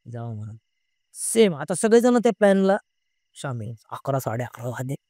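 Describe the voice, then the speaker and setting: A man's voice: sing-song, moderate pace, no echo, studio quality. Chatty man telling a true story. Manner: chatty, acts out friends' lines in quoted voices; often drops to a hushed, low voice. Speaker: guest telling his own ghost experience. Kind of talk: casual spoken storytelling.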